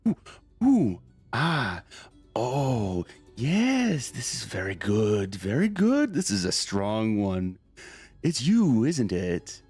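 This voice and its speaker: A man voicing an eager, fawning talking sword in a tabletop game, gushing in a theatrical way with drawn-out oohs. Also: on the low side, big pitch swings, darkish tone, breathy edge, faint music behind, full character voice. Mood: delighted, appraising.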